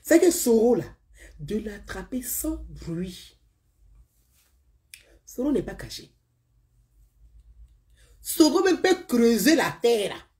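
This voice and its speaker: This Ivorian live-stream political commentator, with her Ivorian French accent, addresses viewers in a relaxed monologue, stressing and repeating her points. Her voice is a little high and sing-song, slow, broken by long pauses, and her sentences tend to trail off gently.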